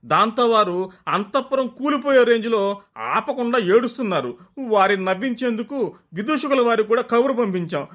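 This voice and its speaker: A man voicing a fussy, flustered queen who talks in a raised, hurried way. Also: very high voice, lively intonation, a bit bright, pitched above the performer's own voice. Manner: raised, fussing.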